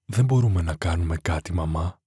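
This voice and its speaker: A man voicing an eerily calm young son resigned to death in a horror audiobook, speaking in a flat, detached, husky voice. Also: sits low, no room sound, studio quality. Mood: cold detached.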